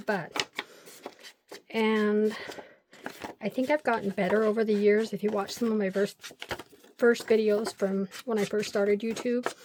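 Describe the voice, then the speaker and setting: An older woman who hosts a crafting channel rambles through stories as she glues paper pieces, talking to herself along the way. Her voice sits in the mid-range, and there's noise in the background.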